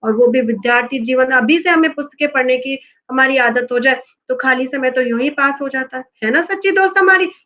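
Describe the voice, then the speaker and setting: A woman's voice: high-pitched, fairly even intonation, a little fast, hardly any pauses, a bit bright, muffled recording. A woman teacher explaining a lesson to children, often asking them rhetorical questions. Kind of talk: classroom lesson talk to children.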